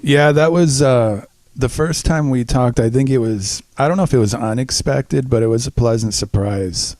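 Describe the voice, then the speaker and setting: Male co-host, calm and reflective, dry close mic. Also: medium pitch, normal speed, dry recording. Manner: reflective, easygoing, brief agreements. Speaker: podcast co-host. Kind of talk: casual podcast chat.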